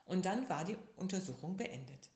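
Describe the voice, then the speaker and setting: A woman reading a children's story aloud in a slow, lively, expressive way. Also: fairly low pitch. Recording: echoey room.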